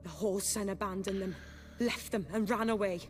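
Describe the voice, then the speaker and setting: A woman's voice: medium pitch, steady tone, a little fast, slight background noise, lightly acted. A woman voicing a cold, commanding aristocratic female vampire in a video game, speaking in a composed, formal way.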